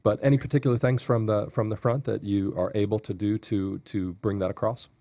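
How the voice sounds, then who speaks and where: A man's voice: fairly low pitch, steady tone, brisk, dark tone, no room sound. A man hosting a webinar interview, asking rambling questions while searching for words. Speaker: webinar host.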